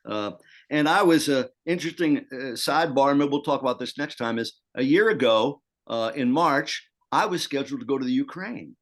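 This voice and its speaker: A man's voice: medium pitch, expressive, fairly quick. An older man talking as an actor guest in a casual interview, chatty and meandering, with many restarts.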